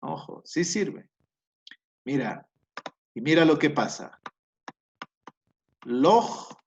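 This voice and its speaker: A male language teacher speaking slowly in a somewhat high voice. He explains step by step, repeats the key points, and corrects himself, with plenty of "eh" and "em" along the way. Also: gravelly, lo-fi sound, a little hiss or hum. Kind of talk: recorded class lecture.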